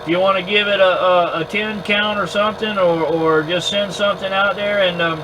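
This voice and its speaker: A man having a casual two-way radio chat in an easygoing, halting way, often repeating words as he goes. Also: high voice, fairly even intonation. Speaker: amateur radio operator recording contacts. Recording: clear background hum and noise.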